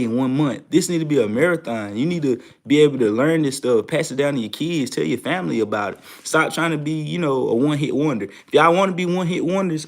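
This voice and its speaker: A young man hosting a trading show, talking casually and repeating phrases for emphasis. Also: a little high. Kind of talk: casual advice talk to viewers.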